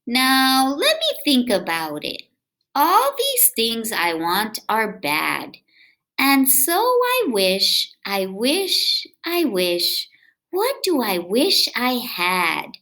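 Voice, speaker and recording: A woman with a slightly high voice reads a picture book to kids with great expression, drawing her words out long and chatting with her young listeners through questions.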